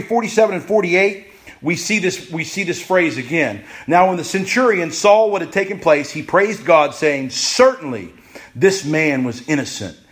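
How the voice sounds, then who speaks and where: A man preaching a sermon, emphatic and repeating phrases, at times rushing and at times slowing right down. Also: high-pitched. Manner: emphatic, repeats phrases, pace swings from rushed to slow. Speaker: pastor.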